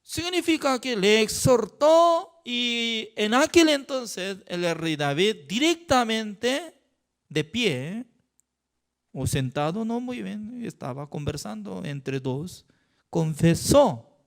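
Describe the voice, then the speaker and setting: A man with a high, sing-song voice that swoops up and down as he preaches. He speaks slowly and haltingly as a pastor leading a Bible study. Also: expressive, gravelly. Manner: halting, unhurried telling with dramatized quotes.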